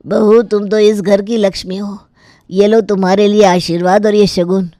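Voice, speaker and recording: A man doing a loud old uncle, high-pitched. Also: flat delivery, normal speed, no echo, studio quality, lightly acted. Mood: blessing. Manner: calls out loudly. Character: loud older uncle, demanding then blessing.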